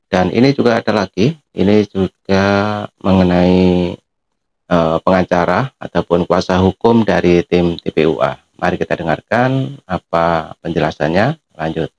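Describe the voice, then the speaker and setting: A man's voice: low voice, normal speed, gravelly, a little mellow, muffled recording. A man hosting a channel, introducing clips casually and addressing viewers as friends. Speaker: channel host.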